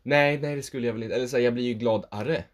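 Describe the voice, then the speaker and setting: Teasing young man in casual podcast chat. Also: mid-range voice. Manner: playful, teasing, hesitant restarts. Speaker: podcast co-host.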